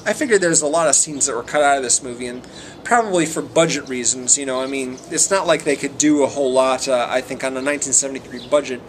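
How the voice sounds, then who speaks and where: A fast-talking man with a mid-range voice gives a casual, rambling film review as an amateur movie reviewer. He's hesitant and meandering, often trailing off mid-thought, and the recording has noticeable background noise.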